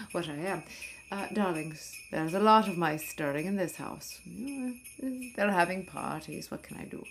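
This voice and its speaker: A woman's voice: mid-range voice, a little mellow, lightly acted. Campy, theatrical ghost of a Hollywood screen diva, played by a woman, vain and glamorous, mid-range voice, calls everyone darlings. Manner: theatrical, grand, keeps calling listeners darlings. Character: vain glamorous ghost of an old-Hollywood female film star. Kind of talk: scripted comedy podcast monologue.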